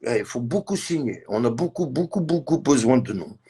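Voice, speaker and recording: A man's voice: mid-range voice, animated, moderate pace, dark tone, breathy edge. A man on a live stream, ranting in a heated, repetitive way and mixing in words from other languages. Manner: agitated, repetitive, mixes French with Arabic and Kabyle. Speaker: livestreamer.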